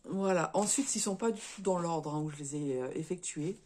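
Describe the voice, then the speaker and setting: A woman with a cold talks through a casual show-and-tell vlog, her voice a little hoarse, stuffy and short of breath. She speaks haltingly, stumbling over words, restarting sentences and tagging them with little fillers. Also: lowish voice, darkish tone, a little hiss or hum. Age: adult, married. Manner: chatty, tags sentences with "hein". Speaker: crafts vlogger.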